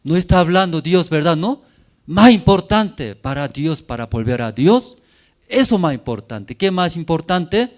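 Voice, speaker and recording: A man's voice: a little high, expressive, unhurried. A man preaching a sermon in a church, in simple broken phrases, constantly checking in with his listeners through short tag questions.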